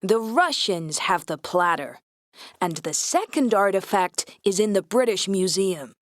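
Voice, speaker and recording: A woman voicing a gruff American male archaeologist with a harsh drawl in an audiobook. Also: mid-range voice, animated, measured pace, no echo, clean studio sound, close to an everyday voice. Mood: urgent. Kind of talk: audiobook character voice.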